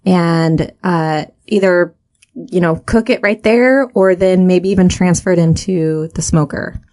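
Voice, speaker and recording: A woman's voice: fairly low pitch, unhurried, a little mellow. A woman co-hosting a podcast, telling a story in casual chat with a rambling, filler-heavy manner. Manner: rambling, many fillers and restarts. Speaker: podcast co-host.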